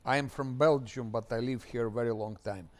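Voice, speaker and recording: A man from Ukraine with an Eastern European accent, giving casual commentary as he streams a game. He often mutters quietly to himself and restarts his sentences. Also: mid-range voice. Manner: mutters quietly while playing, halting restarts.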